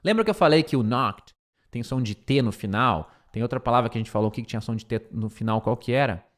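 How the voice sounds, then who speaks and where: A man with a Brazilian Portuguese accent teaching an English lesson, explaining in Portuguese and slowly repeating English words to drill pronunciation. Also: medium pitch.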